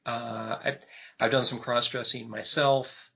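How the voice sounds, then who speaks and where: A man in his fifties co-hosting a film podcast, talking in a measured, thoughtful way with frequent pauses. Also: mid-range voice, level tone, vocal fry, sharp tone. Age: 50s. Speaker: podcast host. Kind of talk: casual film discussion. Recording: dull lo-fi podcast audio.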